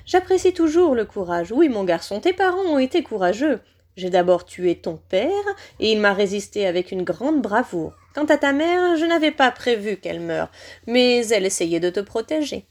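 A woman voicing a menacing male dark wizard in a high, shrill voice, speaking slowly and coldly, in an audiobook reading. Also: big pitch swings. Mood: mocking. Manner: slow, hissing and cold, then screeching. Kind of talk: audiobook character voice.

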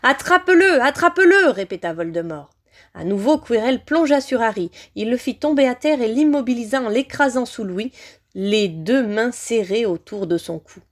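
A woman reading a fantasy novel aloud in an expressive, dramatic narration. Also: a little high. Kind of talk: audiobook narration.

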